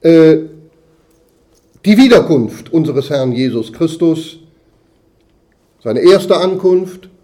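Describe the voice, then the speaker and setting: A man preaching a sermon in a conversational way, often tagging lines with quick "ja?" asides and swelling then dropping his voice for emphasis. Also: a little high, animated, warm tone.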